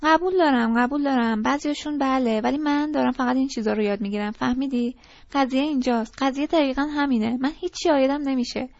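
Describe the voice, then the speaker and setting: Woman voicing a disgruntled teen boy, rambling, fairly high voice, lo-fi audiobook sound. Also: darkish tone, no echo. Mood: ranting. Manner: rambling and pleading. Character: restless, disgruntled teenage boy pouring out complaints. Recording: dull lo-fi recording.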